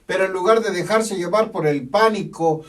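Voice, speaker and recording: A man delivers a sermon in a high voice, pressing his point by repeating phrases and adding amen between lines. He sounds set back from the microphone, a little distant. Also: moderate pace. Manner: emphatic, repeats phrases, punctuates with "amén". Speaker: preacher. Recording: voice from a distance from the mic.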